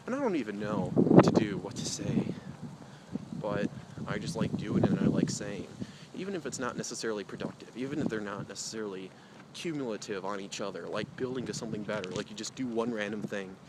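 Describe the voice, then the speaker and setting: A man's voice: fairly low pitch, a little fast. A young man vlogging outdoors in cold wind, rambling in a hesitant, self-deprecating way with many fillers. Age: young adult. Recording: loud wind noise on the mic. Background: heavy wind noise.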